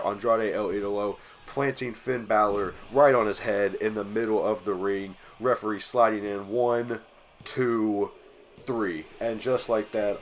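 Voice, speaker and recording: Man, stuffy nose, lowish voice, wrestling game commentary, hype play-by-play calls. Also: a little hiss or hum. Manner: hype play-by-play caller, rising loud on big moves. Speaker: channel host.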